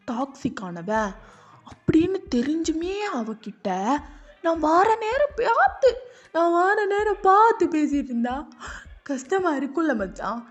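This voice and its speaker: A woman's voice: a little high, a little mellow. A woman voicing a heartbroken young man who sulks and pities himself over drinks with friends, in slangy talk. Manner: self-pitying, slangy, sulking. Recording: dull lo-fi audio with music.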